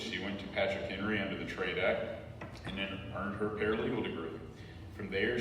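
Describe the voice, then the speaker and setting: Low-voiced man introducing, very echoey hall. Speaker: host introducing a speaker. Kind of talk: formal spoken introduction. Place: large echoey room at a lecture series. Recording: very echoey hall, distant mic, clear noise.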